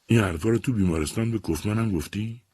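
A man's voice: on the low side, warm tone, breathy edge, pitched above the performer's own voice. A man voicing a persistent army captain who acts as a defense lawyer, speaking firmly, insistently and patiently.

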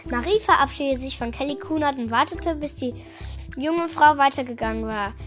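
High-pitched woman reading a kids' detective book out loud, trips over words, faint music in the background. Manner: halting, with frequent restarts on words. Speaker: reader.

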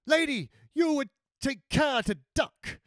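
A man's voice: extremely high pitch, lively intonation, slow pace, fairly bright tone, no echo, studio quality, voice pushed up, full character voice. A man voicing a fierce woman warrior, a nun turned mercenary, speaking formally in a raised voice. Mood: commanding.

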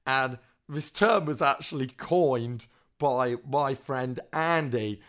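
A man hosting a casual podcast and presenting segments in a brisk, upbeat way. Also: fairly high pitch. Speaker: podcast host.

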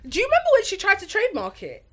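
A young woman, co-hosting a casual podcast chat, talkative and quick to laugh. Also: very high-pitched, huge pitch swings, noisy background. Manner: chatty, laughing, slangy. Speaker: podcast co-host.

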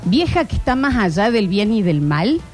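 A woman in her thirties with an Argentine accent, hosting a casual chat and telling stories in an animated way with many filler sounds. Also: medium pitch, moderate pace, soft background music. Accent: Argentine Spanish. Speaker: streaming show host.

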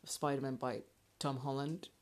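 A woman's voice: extremely low pitch, fairly even intonation, normal speed, a little mellow. A woman hosting a casual solo podcast from her garage on a makeshift microphone, talking informally and hesitantly in a rambling way. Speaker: podcast host. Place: in a home garage, parking space indoors. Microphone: makeshift, not a proper microphone. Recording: amateur garage recording, makeshift mic.

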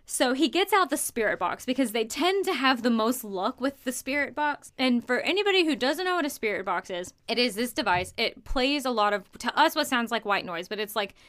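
Animated young woman telling a spooky story. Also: fairly high pitch, fairly quick, hardly any pauses. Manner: animated, filler-heavy retelling of a ghost hunt. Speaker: podcast co-host. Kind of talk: casual chat storytelling.

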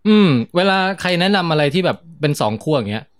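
A man's voice: a little high, lively intonation. A man chatting casually on a podcast, playful and joking. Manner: playful, joking, fast-talking. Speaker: podcast guest.

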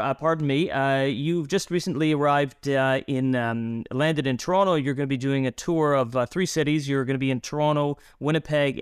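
A man hosting an interview podcast, asking questions with frequent pauses and restarts. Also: on the high side, smooth, no echo, clean studio sound. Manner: halting, many fillers and restarts. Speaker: podcast host.

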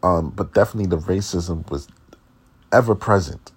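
A man's voice: low voice, normal speed, breathy edge. A man, a classical pianist telling his story in a blunt, profane, casual way. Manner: blunt and profane, with animated impressions of others.

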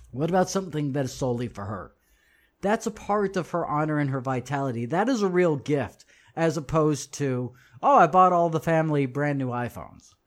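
A man teaching a class, reading from a book and commenting on it in an emphatic way, repeating phrases for stress and speaking straight to his listeners. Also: fairly high pitch. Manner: addresses listeners directly. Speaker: religious teacher.

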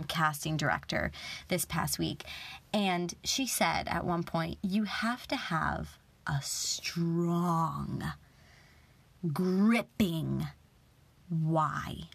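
A young woman giving an earnest, animated motivational talk, sometimes dropping to a whisper for emphasis. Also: lowish voice, no room sound. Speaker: motivational speaker.

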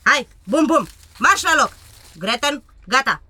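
A woman's voice: fairly high pitch, animated, sharp tone, no room sound. A woman playing a bold, cheeky young robber girl who teases, bosses and laughs often in a radio play. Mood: mischievous. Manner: teasing, bossy, laughs often.

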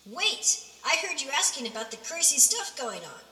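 A woman playing an uneasy veteran circus clown in an audio drama, confiding suspicions in a hushed, earnest way. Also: sits high, big pitch swings, moderate pace, exaggerated voice. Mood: anxious, confiding. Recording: echoey, far from mic, music behind.

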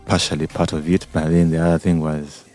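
Male guest from Uganda, low voice, easygoing and hesitant. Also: fairly quick, soft background music. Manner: relaxed, hesitant with many ums. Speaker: singer-songwriter guest. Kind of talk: radio interview.

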